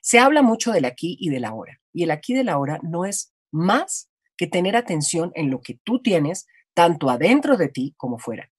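A woman from Colombia, a voice-over artist, explaining her craft in a reflective, animated conversational interview. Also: on the low side, moderate pace, few pauses, husky, dry recording, studio quality.

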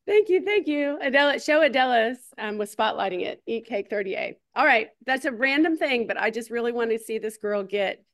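A woman's voice: on the high side, animated, a little fast, a bit bright. A woman co-hosting a livestream in a casual, chatty style. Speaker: livestream co-host.

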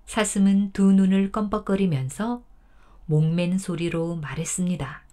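A woman storyteller narrating a folktale in a calm, gentle bedtime manner. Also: on the low side, measured pace.

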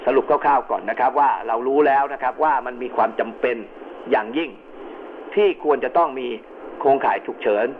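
A thin, phone-like recording with clear noise carries a man's mid-pitched voice. He lectures like an instructor, explaining step by step and dropping into colloquial asides. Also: brisk. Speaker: instructor in amateur radio emergency communications. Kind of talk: explanatory lecture, partly informal. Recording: narrow phone-like band with clear background noise.

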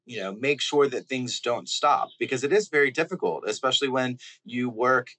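A man's voice: medium pitch, moderate pace, fairly bright tone, no echo, poor audio. A man in his thirties hosting a video podcast from his backyard, speaking earnestly and thanking his guest. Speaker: host. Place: backyard garden outdoors.

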